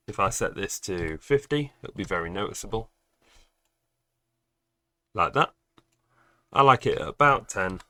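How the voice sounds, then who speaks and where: The gaming guide creator's voice sits low and sharp with no echo. He's a young man with a cold, walking through game plugins in a chatty tutorial voice-over and adding dry asides along the way.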